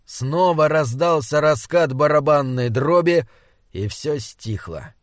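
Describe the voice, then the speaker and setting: A man reads a fantasy novel aloud in a measured, dramatic style. His voice sits a little high for a man, and the recording is dry and close, with no room sound. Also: animated, dry recording. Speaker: audiobook narrator. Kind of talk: scripted narration.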